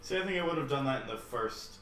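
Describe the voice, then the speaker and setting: Man, mid-pitched, halting casual podcast talk, repeats himself, roomy echo, faint music behind. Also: lively intonation. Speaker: podcast co-host reviewing films. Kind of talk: casual movie review chat. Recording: echoey room, distant mic, music behind.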